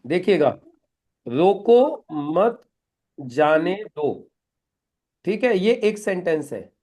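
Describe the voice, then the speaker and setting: A middle-aged man leading a live training session in a meeting room, instructing the group and quizzing them with questions. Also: sits high.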